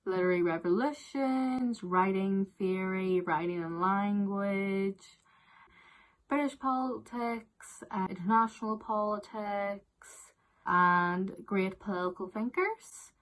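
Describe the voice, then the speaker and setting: A woman's voice: mid-range voice, slow. A young woman with a Northern Irish accent chatting casually through viewer questions, with lots of fillers. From Northern Ireland. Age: young adult. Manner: chatty, animated, frequent "like" and "um" fillers. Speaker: vlogger answering viewer questions. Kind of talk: casual Q&A chat.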